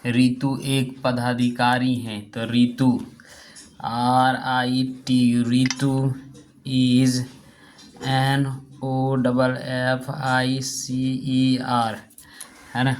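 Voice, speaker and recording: A male teacher talks through a grammar lesson very slowly, in an even, flat tone. He stops often to spell words out letter by letter. A faint hum of room ambience sits behind his voice. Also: medium pitch. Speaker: English teacher.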